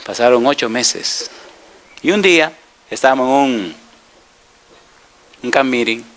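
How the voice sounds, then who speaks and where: A male pastor delivering an animated storytelling sermon, asking the congregation rhetorical questions. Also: mid-range voice.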